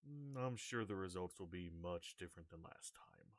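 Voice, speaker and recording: A man playing a tabletop game in character, speaking in a measured, dry way. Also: deep voice, expressive, vocal fry, no echo. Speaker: player.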